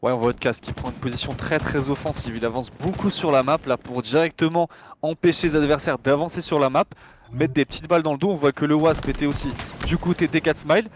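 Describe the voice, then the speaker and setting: A man's voice: a little high, steady tone, quick pace. A man commentating a match live as an esports caster, informal and conversational, often repeating phrases. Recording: faint gunfire and game noise behind.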